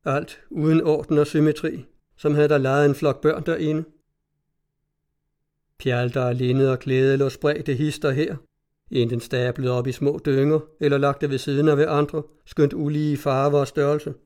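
A man reads a novel aloud in the first person, measured and even in his storytelling. His voice is mellow and warm, sitting a touch higher than most men's. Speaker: narrator. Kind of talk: scripted audiobook narration.

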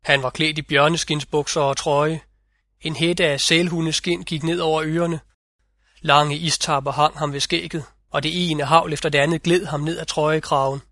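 A man's voice: on the high side, little pitch movement, a bit bright, dry recording, studio quality. A man narrating a fairy tale in an audiobook reading.

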